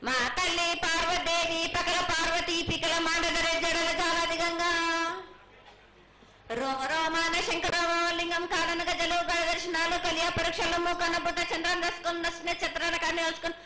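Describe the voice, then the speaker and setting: Very high-pitched woman oracle chanting. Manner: oracle-like incantation, speaking as the goddess. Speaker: oracle delivering annual festival prophecy. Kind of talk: ritual oracle chant and pronouncement. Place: crowded temple festival in Secunderabad. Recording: noisy, echoing live festival recording.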